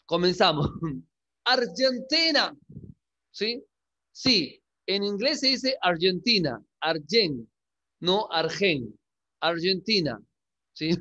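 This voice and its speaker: A male English teacher giving a class, repeating words slowly and checking in with questions. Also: sits high, sharp tone, highs cut off. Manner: coaxing, checks in with frequent questions. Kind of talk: classroom lesson.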